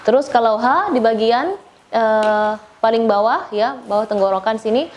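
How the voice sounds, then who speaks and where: A woman's voice: a little high, moderate pace, a little mellow, muffled recording, slight background noise. An Indonesian woman teaching Quran recitation in informal spoken feedback, hesitant between points and over-enunciating letter sounds as she demonstrates. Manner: hesitant, searching for words.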